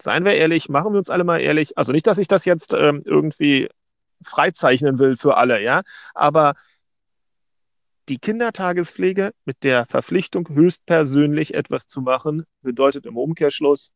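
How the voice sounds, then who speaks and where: A middle-aged man from Berlin co-hosting a podcast, arguing a legal point in a deliberate, wry way with many restarts. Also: a little high, vocal fry, dry recording. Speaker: podcast co-host, legal adviser. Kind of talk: casual podcast discussion.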